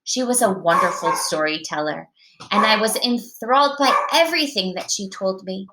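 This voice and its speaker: A woman reading a storybook aloud to her child, with expressive narration. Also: medium pitch, normal speed, echoey room, very noisy.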